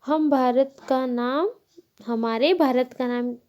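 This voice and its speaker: A woman teacher slowly walking children through a lesson, explaining each step patiently and correcting herself as she goes. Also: high-pitched, a little mellow. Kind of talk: Hindi grammar lesson.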